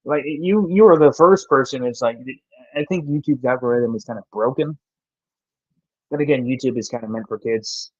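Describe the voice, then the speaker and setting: A man's voice: mid-range voice, normal speed, darkish tone, dry recording. Young man streamer, rambling chat. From American South. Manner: rambling, many restarts, reads chat aloud. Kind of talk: casual live-stream chat. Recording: dull dry home mic.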